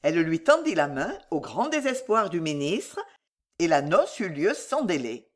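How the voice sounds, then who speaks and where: Brief: female storyteller reading an old folk tale aloud, expressive and measured, lively pitch.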